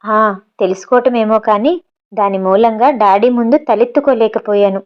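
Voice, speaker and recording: A woman's voice: on the high side, moderate pace, dull audio, close to an everyday voice. A woman voicing a spirited, sulky young woman on the phone in her own voice.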